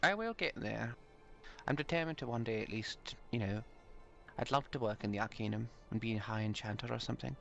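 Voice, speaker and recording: A man's voice: mid-range voice, brisk, vocal fry, a bit bright, highs cut off, soft background music. A man chatting casually in character in an online role-play, earnest and a little hesitant.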